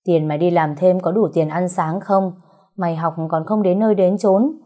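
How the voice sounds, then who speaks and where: A woman voicing a blunt but caring young best friend who speaks briskly, in a storybook reading. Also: lowish voice, steady tone, mellow, close to an everyday voice.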